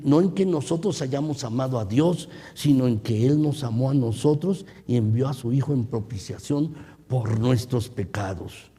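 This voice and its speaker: A man's voice: mid-range voice, warm tone, slightly rough. A male pastor preaching a sermon, asking his listeners questions, repeating key phrases and calling them his brothers and sisters. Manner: calls listeners "mis hermanos". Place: church sanctuary. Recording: long church reverb.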